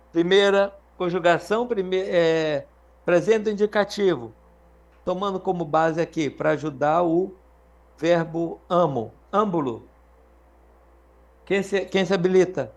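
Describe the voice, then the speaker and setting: High-voiced Brazilian man teaching Latin. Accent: Brazilian Portuguese. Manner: patient, drills students with questions; repeats and slows words to model them. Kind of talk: live classroom lesson.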